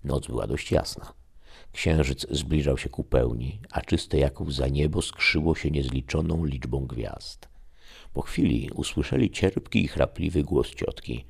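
A man narrating a story in a measured, steady reading style. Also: rumbling low, gravelly, husky.

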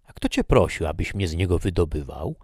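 A man's voice: lowish voice, expressive, a little slow, a little mellow, no echo, studio quality, voice pushed up. Man doing a fiery capricious young woman. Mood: bitter, vehement. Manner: vehement, theatrical.

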